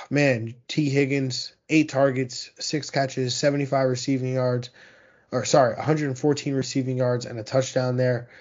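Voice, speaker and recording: Man, podcast host, rambling fantasy football rundown, lots of ums and restarts, medium pitch, slightly dull lo-fi audio. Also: level tone, moderate pace. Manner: rambling with many fillers and restarts. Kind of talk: casual sports analysis monologue.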